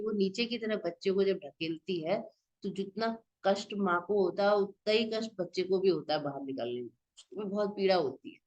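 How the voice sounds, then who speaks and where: Patient woman teaching scripture, muffled sound. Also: on the low side. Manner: patient, conversational, checks in with listeners. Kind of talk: explaining scripture in a class.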